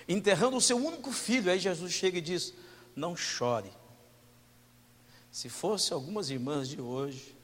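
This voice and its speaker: A man preaching a sermon as pastor, animated, swinging from loud to hushed and asking the congregation questions. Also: high voice, in a large hall. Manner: talks directly to the congregation with questions.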